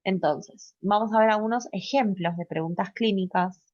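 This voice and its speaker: A woman teaches a medical class at a medium pitch, walking through examples and checking in with a quick "¿sí?". The sound is muffled and lo-fi, and the room is dry with no echo. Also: darkish tone. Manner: explanatory, often checks in with a rising "¿sí?"; fillers and self-corrections while explaining. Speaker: pediatric residency lecturer. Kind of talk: recorded medical class lecture.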